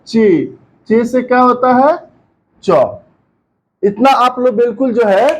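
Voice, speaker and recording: A man's voice: high-pitched, darkish tone, poor audio. A man teaching Urdu letters online, asking a question and then answering it himself, repeating each letter several times. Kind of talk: slow teaching lesson with call-and-response drills.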